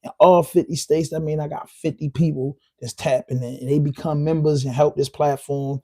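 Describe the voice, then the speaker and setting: A man hosts his own livestream podcast, riffing loosely to the chat. His voice sits a bit high for a man and has a dark, mellow tone. He talks in a heated, emphatic way, circling back to repeat his points. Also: fairly even intonation, moderate pace. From Baltimore. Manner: heated, repetitive, emphatic street talk. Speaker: podcast host. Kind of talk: live-stream commentary.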